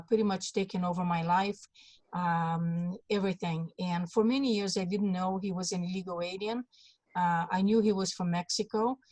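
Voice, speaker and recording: A woman in her sixties, born in Hungary, telling her life story as an interview guest with many pauses and fillers. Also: lowish voice, darkish tone, no room sound. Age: 60s. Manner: halting, many fillers and restarts. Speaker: guest, congressional candidate.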